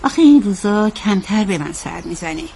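A woman's voice: medium pitch, expressive, creaky, mellow, slightly rough, low-quality recording. An actress playing a weary, complaining mother-in-law in a radio drama.

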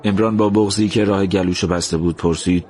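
A man narrating a story in a slow, measured, somber reading. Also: sits low, steady tone, darkish tone, some chatter behind.

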